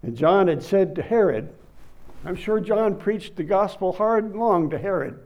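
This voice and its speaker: A man's voice: high voice, animated, darkish tone, poor audio. Man preaching with emphatic rises. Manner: rises to emphatic bursts on key words, slows for scripture. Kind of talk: sermon.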